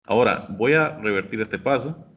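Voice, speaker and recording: A man teaching a software class, explaining each step patiently and speaking directly to his students. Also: fairly low pitch, expressive, normal speed, highs cut off. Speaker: instructor. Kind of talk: screen-share software lesson.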